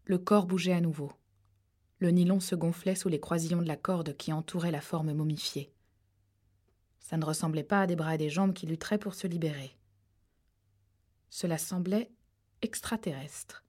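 A woman reading a suspense novel aloud, steady and measured. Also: on the low side. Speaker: audiobook narrator. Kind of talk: scripted narration.

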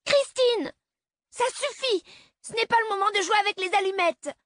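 A woman voicing a desperate six-year-old girl who pleads in high shrill cries. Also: moderate pace, a bit bright, dry recording, studio quality. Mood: shrill commanding.

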